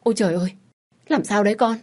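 Woman reading a homely, caring older mother in a storybook, low warm voice. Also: fairly even intonation, brisk, breathy edge. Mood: alarmed.

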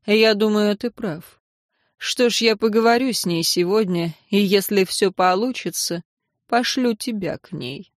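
A woman reading an audiobook and voicing a weary male emperor who speaks low, restrained and quietly bitter. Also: unhurried, dry recording, studio quality, close to an everyday voice. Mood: resigned.

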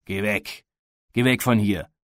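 A man voicing a portly middle-aged official who talks to a child in a hushed, wheedling voice and turns to furious shouting. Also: fairly low pitch, steady tone, unhurried, no room sound, clean studio sound.

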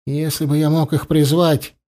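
A man's voice: on the high side, little pitch movement, moderate pace, close to an everyday voice. A man playing a scared but defiant teenage boy who pleads and cries out in fear. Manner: anxious, pleading, shouting in fear.

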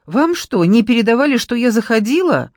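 A woman's voice: fairly low pitch, expressive, unhurried, darkish tone, no echo, clean studio sound. A woman reading an audiobook, voicing a stern middle-aged woman who talks in an indignant, curt, commanding way.

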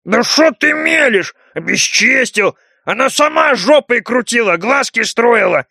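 A man's voice: very high-pitched, expressive, measured pace, vocal fry, sharp tone, dry recording, studio quality, voice pushed up, heavily acted. A man voicing a sleazy pig-snouted male mutant in an audiobook, whining and squealing in protest. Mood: indignant. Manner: whiny, squealing, indignant.

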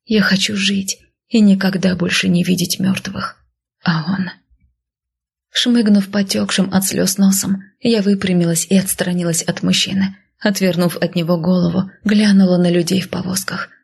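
A woman giving a soft, hushed first-person audiobook narration. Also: fairly low pitch, fairly even intonation, moderate pace, creaky, breathy edge.

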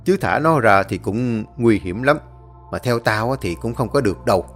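A man playing a stern old exorcist who gives gruff, commanding orders. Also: medium pitch, lively intonation, moderate pace, faint music behind. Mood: calm. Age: older. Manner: commanding, scolding.

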